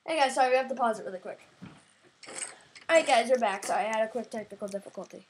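A woman's voice: a little high, quick pace, slight background noise, low-quality recording. A woman in casual, playfully argumentative banter while playing a video game. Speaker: gaming video player.

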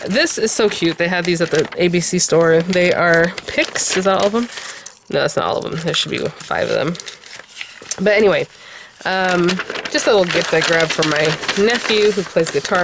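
A woman vlogger from California eagerly shows off her shopping haul at a craft table in a casual show-and-tell, rambling with fillers and laughs. Her voice is fairly low and gravelly, with background noise.

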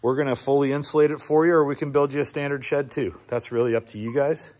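A man's voice: medium pitch, steady tone, fast, darkish tone. A middle-aged man from Ontario, a builder chatting casually and easily as he walks through a small wooden building under construction. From Ontario, Canada. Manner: chatty, easygoing, with filler restarts. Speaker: builder and small business owner. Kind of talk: casual walking tour vlog.

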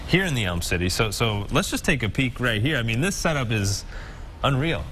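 A man's voice: medium pitch, big pitch swings, fairly bright tone, slight background noise. A male TV host in his thirties, upbeat and promotional, guiding a chef through a segment on a studio kitchen set. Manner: upbeat, promotional, quick back-and-forth. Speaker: TV lifestyle show host.

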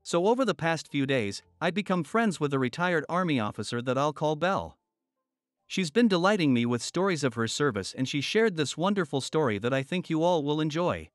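A man's voice: a little high, very animated, a little fast, dry recording, soft background music. Dry-voiced man narrating stories. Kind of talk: scripted story narration.

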